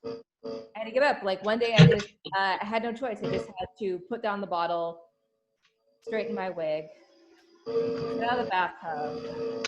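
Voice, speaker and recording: A woman's voice: mid-range voice, moderate pace, long pauses, music in the background, rough recording. A middle-aged woman doing dry stand-up comedy over a video call, with lots of laughing and filler words. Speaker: comedian guest.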